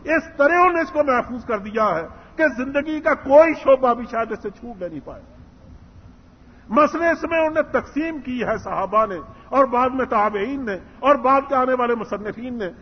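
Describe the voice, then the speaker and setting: High-voiced man lecturing in a reverberant hall. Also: breathy edge. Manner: storytelling with quoted dialogue, earnest. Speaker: religious lecturer. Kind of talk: Islamic lecture. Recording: muffled hall recording with long reverb.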